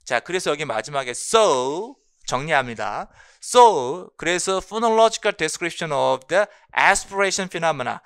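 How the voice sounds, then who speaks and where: Lively bright-voiced male lecturer. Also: on the high side, slow pace, hardly any pauses, clear, resonant tone. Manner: explanatory, asks rhetorical questions and answers them; mixes English terms into Korean. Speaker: English phonology lecturer. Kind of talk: exam-prep lecture.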